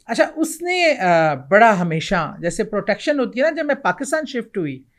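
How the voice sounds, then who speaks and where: A middle-aged woman from Pakistan, a guest in an interview, telling a personal ghost story with animated retelling and acted quotes. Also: mid-range voice.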